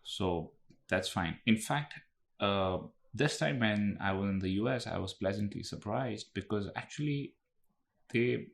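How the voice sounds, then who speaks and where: A man's voice: on the low side, a little slow, gravelly. A man who is a podcast guest, speaking as an in an earnest, casual way and repeating phrases for emphasis.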